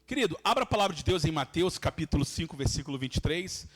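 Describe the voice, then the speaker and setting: A man's voice: fairly high pitch, animated, quick pace, husky. A man with a Brazilian Portuguese accent, a pastor preaching and praying fervently in a preaching cadence. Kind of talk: sermon and fervent prayer.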